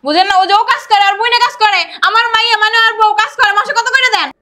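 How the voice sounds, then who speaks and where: A woman playing a mother in a drama, loudly scolding her son-in-law in village dialect. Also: extremely high pitch, racing. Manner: loud scolding in rural dialect. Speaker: mother of the bride. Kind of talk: Bangladeshi village drama acting.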